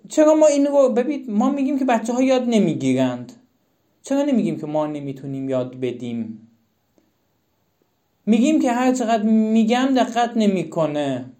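A woman's voice: mid-range voice, mellow. A woman giving a live-stream talk to parents, emphatic and repeating her key questions. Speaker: parenting educator.

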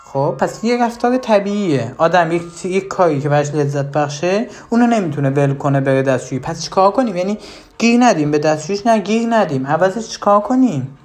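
A parenting advisor giving direct advice to the listener, asking rhetorical questions and shifting between lively and low, emphatic tones. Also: faint music behind.

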